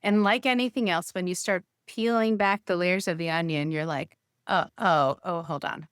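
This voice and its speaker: A woman physician being interviewed as a guest, explaining ideas at length in a lively, conversational way. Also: on the low side, normal speed, smooth, no echo, studio quality. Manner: explanatory, lively, thinks aloud with fillers. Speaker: guest, physician and healthcare innovation executive.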